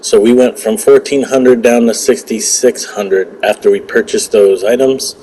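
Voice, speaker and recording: A man's voice: fairly low pitch, fairly even intonation, a little slow, dark tone, breathy edge, rough recording. A man giving casual, rambling commentary over a hunting video game, often restarting his words. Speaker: gaming channel host.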